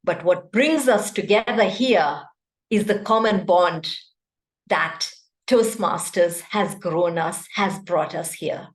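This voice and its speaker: Slow, echoey woman giving a speech. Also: lowish voice. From Kenya. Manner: interactive, poses questions to the audience. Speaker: club speaker. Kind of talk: prepared speech at an online meeting. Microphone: video call. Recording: echoey room.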